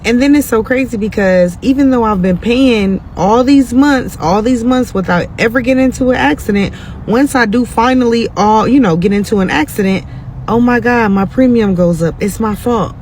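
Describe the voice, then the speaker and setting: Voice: mid-range voice, normal speed, a little mellow. Indignant voice with faint traffic behind. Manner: indignant, uses y'all. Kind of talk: casual rant to camera.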